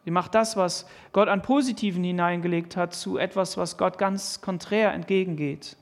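A man's voice: sits high, normal speed. A man preaching a sermon, earnestly reading and explaining Bible verses and asking pointed questions. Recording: long hall reverb.

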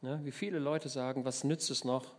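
A German man preaching a sermon, telling the story in a lively way, acting out the people in it and often asking his listeners for agreement. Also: medium pitch, normal speed. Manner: lively storytelling, acts out voices, asks the listeners questions.

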